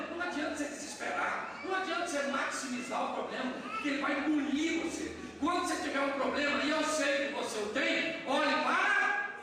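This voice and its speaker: Humorous Brazilian preacher in an echoey church. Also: male voice, extremely high pitch. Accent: Brazilian Portuguese. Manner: storytelling, humorous, animated. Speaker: pastor. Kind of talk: sermon. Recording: echoey church hall, mic far off, noisy.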